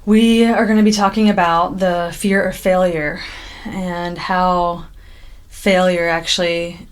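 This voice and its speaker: Slow-talking young woman co-host. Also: lowish voice, level tone, clean tone. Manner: easygoing, leads with questions. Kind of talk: casual podcast conversation.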